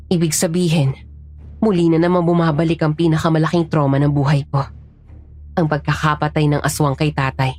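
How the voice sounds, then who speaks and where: A woman giving scripted first-person narration of a horror story, serious and steady. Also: low voice.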